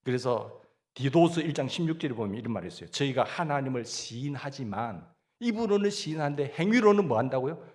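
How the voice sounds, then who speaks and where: A man's voice: medium pitch, expressive, brisk, a little mellow. A man with a Gyeongsang Korean accent preaching a sermon as pastor, asking the congregation questions and answering them himself.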